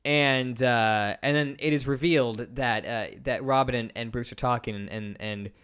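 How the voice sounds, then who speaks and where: A man's voice: mid-range voice, moderate pace, smooth. A man co-hosting a podcast, joking and swearing as he recaps an old film serial. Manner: animated, jokey, swears freely, laughs often. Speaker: podcast co-host. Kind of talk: casual comedic film recap chat.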